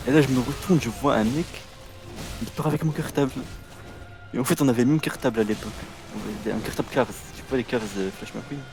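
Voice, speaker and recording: A young man chats away on his stream, retelling a school story with lots of restarts and put-on voices. He talks at a middle pitch for a man. Game music plays clearly underneath him. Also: quick pace. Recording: game music playing behind.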